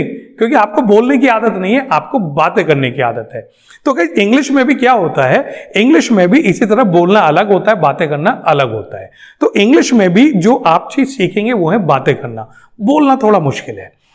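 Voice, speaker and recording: A male English trainer, lecturing a class emphatically and answering his own questions. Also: sits high. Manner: emphatic, repeats points, asks questions then answers them.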